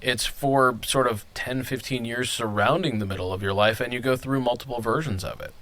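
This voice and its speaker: A man's voice: medium pitch, fairly quick, fairly bright tone. A man hosting a podcast, asking questions in an easygoing, chatty way. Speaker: podcast host, brand strategist. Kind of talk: casual conversational interview.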